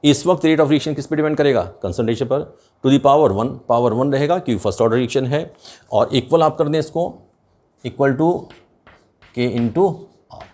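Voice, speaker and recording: At a board, an older man with an Indian accent walks through a chemistry lesson in a mid-range, darkish voice. His delivery is slow and deliberate, mixing Hindi and English throughout.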